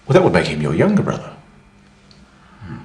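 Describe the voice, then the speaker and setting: A deep-voiced, curious private investigator in a scripted English-learning drama. He hums and hesitates through his questions, while his pitch swings widely. His voice carries a roomy echo. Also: huge pitch swings, brisk, darkish tone, heavily acted. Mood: calm. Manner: hesitant, with many fillers and hums.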